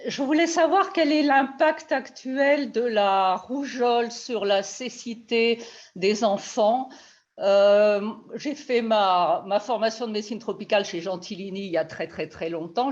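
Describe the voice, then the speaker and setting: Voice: medium pitch, a little mellow. A pediatrician asking a question over a video call, hesitant, with many fillers. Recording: dull lo-fi video-call audio.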